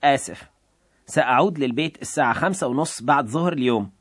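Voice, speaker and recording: A man reading aloud a short-tempered middle-aged car dealer in a radio story. He fires off sharp, irritated questions in a dry, close sound with little room to it. His pitch sits in an ordinary middle range. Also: fast talker, breathy edge, no room sound, natural voice. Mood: apologetic.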